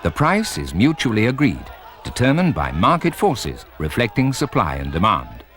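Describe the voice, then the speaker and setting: Male narrator with very animated intonation. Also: on the low side. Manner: measured, formal presenter delivery. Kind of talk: scripted corporate documentary narration. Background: music.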